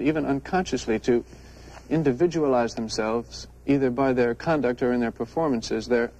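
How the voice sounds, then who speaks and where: A man's voice: mid-range voice, darkish tone, poor audio. Earnest young man making a long point. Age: young adult. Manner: earnest, building long sentences with pauses. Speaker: young actor. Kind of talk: earnest spoken opinion piece.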